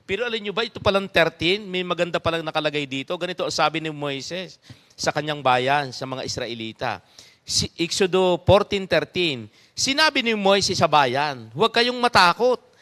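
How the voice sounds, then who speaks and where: A male pastor giving a conversational sermon, animated, chuckling and tossing rhetorical asides to his congregation. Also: fairly high pitch, moderate pace.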